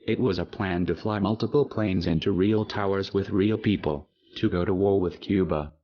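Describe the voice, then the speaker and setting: An anonymous man reads a scripted message at a moderate pace in a disguised, pitched-down deep voice. His tone is grave and declaring, and the recording is dull lo-fi audio.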